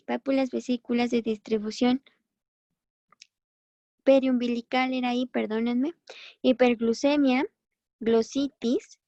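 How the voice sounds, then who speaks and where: A woman gives a recorded medical lecture, chatty and encouraging, stopping now and then to correct herself. Her voice sits fairly high. The sound is dry and a little dull, as if from a close, cheap mic. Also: a little mellow, no room sound. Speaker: medical teacher.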